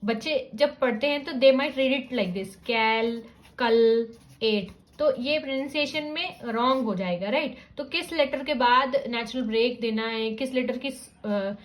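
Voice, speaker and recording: A woman explains how to read words, slowly sounding out syllables and mixing two languages. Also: sits high. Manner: mixes Hindi and English, sounds out syllables slowly. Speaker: teacher guiding parents. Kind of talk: explanatory lesson.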